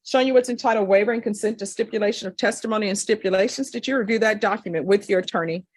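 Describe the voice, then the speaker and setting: Woman judge rattling off formal questions quick, courtroom recording, mid pitch. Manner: brisk, formal, rapid-fire questions. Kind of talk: formal plea hearing questioning.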